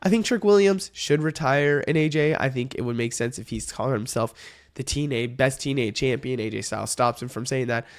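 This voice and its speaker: A man's voice: medium pitch, brisk. A young man with a sick-sounding voice, hosting a casual opinion vlog, rambling and correcting himself as he goes. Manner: rambling, hedging, self-correcting. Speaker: wrestling video host.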